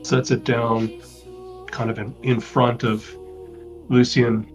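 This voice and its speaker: A man describing his character's actions calmly in a tabletop game. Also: medium pitch, takes it slowly, recorded from a distance, faint music behind. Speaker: player.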